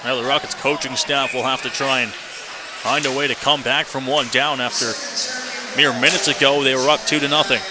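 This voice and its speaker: A man calls a hockey game live on radio from an indoor ice arena, speaking in clipped running phrases and breaking into excited shouts on big plays. His voice is medium in pitch at a normal speed. The broadcast is noisy with the live arena around him.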